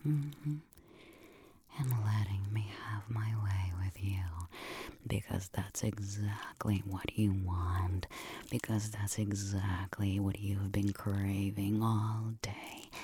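A woman whispering an ASMR roleplay close to the mic, with a breathy, teasing and dominant way of speaking. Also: extremely low pitch, dark tone, slight background noise. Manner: slow, teasing, dominant murmuring close to the ear.

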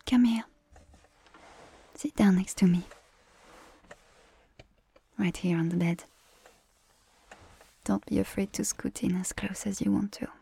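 A gentle, doting massage attendant, played by a woman in an ASMR roleplay, murmuring in a soft whisper with French endearments. Her voice is husky and mellow, with a gravelly creak under the breath. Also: mid-range voice, fairly even intonation, slow pace, pauses often, full character voice. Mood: soothing.

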